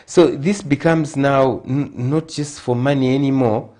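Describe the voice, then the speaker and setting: A man's voice: medium pitch, unhurried. A middle-aged man with a Zambian accent, a guest in a TV interview, speaking earnestly and growing emphatic. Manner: earnest, grows emphatic and animated. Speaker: guest consultant.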